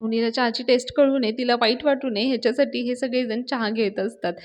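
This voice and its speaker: A woman reviewer retells a serial episode in chatty storytelling. She speaks straight to her audience in a voice a little above average pitch. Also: steady tone, brisk. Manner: chatty, addresses audience directly. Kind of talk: casual storytelling recap.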